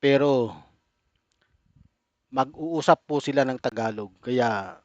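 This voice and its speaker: A man's voice: medium pitch, slow pace, dry recording. Filipino man, emphatic commentator, dry dull sound. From Philippines. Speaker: reaction video host. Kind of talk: informal commentary to viewers.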